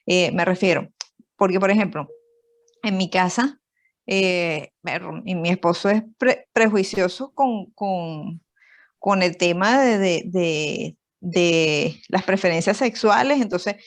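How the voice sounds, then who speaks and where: A woman's voice: lowish voice, slow. A woman with a Venezuelan accent taking part in an online reading club and asking a question hesitantly, with many fillers. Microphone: video call.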